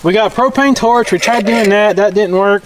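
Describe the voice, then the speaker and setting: A man with a Southern US accent and a noticeably high-pitched voice talks in a folksy, plain-spoken way. He chats casually as a farm vlogger. The recording is made outdoors, with faint noise behind him. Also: normal speed. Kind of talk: casual vlog chat.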